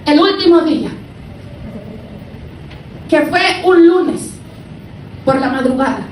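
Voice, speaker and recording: A woman giving an emotional religious testimony to a congregation, her voice climbing high and tearful as she recounts her cries. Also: slow pace, darkish tone, roomy sound, recorded from a distance, a little hiss or hum, low-quality recording. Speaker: testimony speaker.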